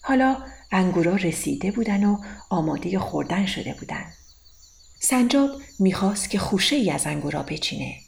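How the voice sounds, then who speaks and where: Woman storyteller, bedtime tale, gravelly tone, faint background noise. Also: fairly low pitch, lively intonation.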